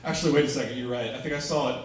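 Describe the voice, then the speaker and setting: A man's voice: medium pitch, very fast, far from the mic. Man doing stand-up in an echoey, noisy room. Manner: conversational storytelling with put-on voices. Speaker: stand-up comedian at an open mic. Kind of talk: stand-up comedy set. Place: live open-mic venue with a small audience.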